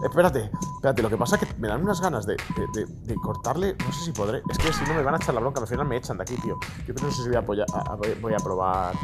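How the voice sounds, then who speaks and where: Male gaming host; very animated, loud outbursts, music bed. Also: mid-range voice, fast, hardly any pauses. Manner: loud bursts of shouting and laughter between mumbled asides. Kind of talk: excitable gameplay commentary. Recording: music playing behind.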